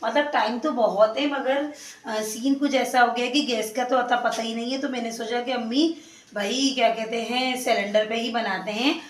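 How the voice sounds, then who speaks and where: A woman from Pakistan with a slightly high, steady voice chats with viewers at a moderate pace while cooking in her kitchen at night for a home vlog. She comes across as chatty and pious, and the room is echoey with the mic far away.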